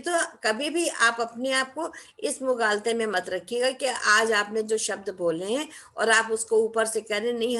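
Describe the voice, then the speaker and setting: A woman's voice: on the high side, a bit bright. A woman giving a motivational talk, speaking emphatically and acting out quoted lines in between.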